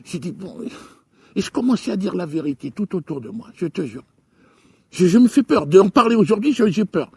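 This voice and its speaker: A man doing stand-up comedy into a handheld stage mic, telling a story with stammering restarts and sudden swings between loud and low. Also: very animated, brisk, gravelly, husky, no echo.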